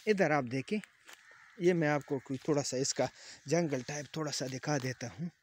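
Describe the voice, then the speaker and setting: A man's voice: fairly high pitch, slight background noise. A man working as an agriculture advisor, walking outdoors among poplar trees and explaining to farmers with frequent hesitation fillers. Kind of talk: outdoor farm walkthrough.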